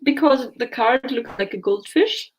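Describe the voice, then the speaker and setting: A woman hosting a tarot live stream, soft-spoken and casual, with a lot of hesitant fillers. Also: on the high side, a little slow, poor audio. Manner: soft-spoken, lots of fillers, reads aloud from search results. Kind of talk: casual chat.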